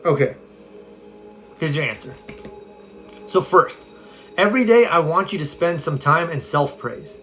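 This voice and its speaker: A man with a slightly high voice chats on a live phone stream, upbeat and conversational as he answers viewer questions. Faint music plays quietly behind him. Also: expressive, unhurried, pauses often. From California. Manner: upbeat, conversational, reads viewer comments aloud. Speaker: self-help coach.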